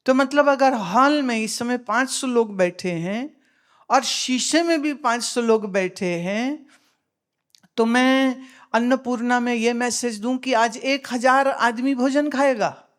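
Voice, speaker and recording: A woman's voice: a little high, takes it slowly. A woman spiritual teacher giving a discourse, explaining with homely examples, asking her listeners questions and mixing in English phrases.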